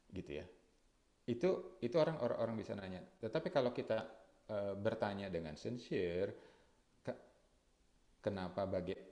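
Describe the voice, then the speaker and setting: Guy with a lowish voice doing a webinar talk, chatty, slows down on key words, echoey room. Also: dark tone. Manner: conversational, uses filler "gitu ya" often. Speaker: webinar speaker. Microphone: webinar mic.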